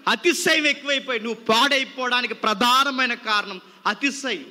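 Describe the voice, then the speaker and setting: A male preacher delivers a youth sermon in a strikingly high, sharp, cutting voice. He scolds his listeners and fires off one rhetorical question after another.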